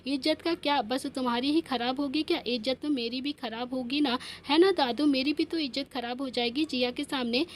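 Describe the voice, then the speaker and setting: A woman's voice: sits high, moderate pace, hardly any pauses, slight background noise, natural voice. A woman voicing a dramatic little boy who whines and cries. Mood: whiny. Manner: whiny, crying, pleading. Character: whiny little boy, dramatic and self-pitying.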